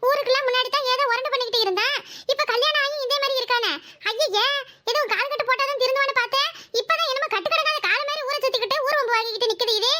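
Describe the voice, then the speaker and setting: Older mother-in-law, very high cartoon voice, voiced by a woman. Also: rapid-fire, pushed and bright. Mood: scolding.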